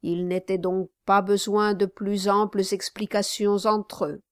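A woman narrating a classic novel in a measured, even storytelling manner. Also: medium pitch, clean tone, no echo, clean studio sound. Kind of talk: audiobook narration.

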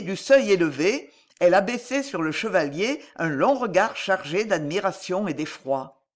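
An audiobook narrator reading a historical adventure novel aloud with expressive, dramatic narration. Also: medium pitch.

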